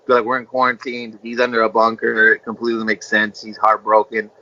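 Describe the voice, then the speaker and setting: A man's voice: lowish voice, completely flat delivery, fairly quick, pushed and bright, dull audio. A man comedian teasing a friend in rambling comedic banter over a video call, packing his talk with "like". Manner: rambling, teasing, heavy use of filler "like". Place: indoor room at home.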